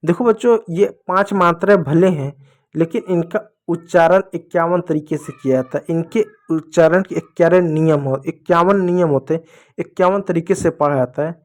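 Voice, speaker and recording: A man's voice: a little high, moderate pace. A man with a Hindi accent, an English teacher explaining a lesson step by step, repeating each rule and asking his students questions back. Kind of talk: blackboard lesson for learners.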